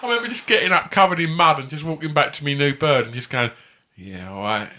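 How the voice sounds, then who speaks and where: A man's voice: fairly high pitch, big pitch swings, rapid-fire, pushed and bright, a little hiss or hum. A man co-hosting a comedy podcast, telling rambling, sweary anecdotes. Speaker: podcast co-host. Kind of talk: casual comedic storytelling.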